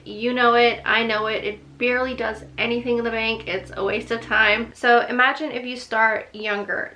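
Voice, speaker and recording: A chatty young woman from Guyana talks through life lessons in a casual vlog. Her voice sits a little high and sounds bright. She is earnest and keeps dropping "like" as a filler. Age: 20s. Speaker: vlogger.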